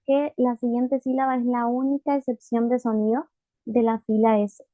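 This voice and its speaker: A woman's voice: fairly high pitch, dry recording. A woman teaching a writing lesson, patient and explaining step by step, often checking in with her students. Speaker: Japanese teacher. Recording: dry, phone-like narrow sound.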